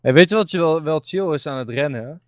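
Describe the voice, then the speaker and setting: A man's voice: on the high side, animated, a little fast, no room sound. Chatty young man, dry close sound. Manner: chatty, rambling, laughs often. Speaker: gamer. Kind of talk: casual gaming chat.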